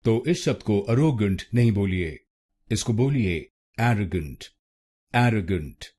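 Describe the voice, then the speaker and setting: A man with an Indian accent giving a slow, deliberate pronunciation lesson, repeating each syllable. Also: fairly low pitch, animated, mellow. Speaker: pronunciation teacher.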